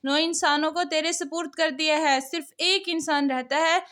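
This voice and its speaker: A woman's voice: sits high, steady tone, normal speed, fairly bright tone. A woman voicing a cruel, shape-shifting young witch wife in a cartoon story. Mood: spiteful.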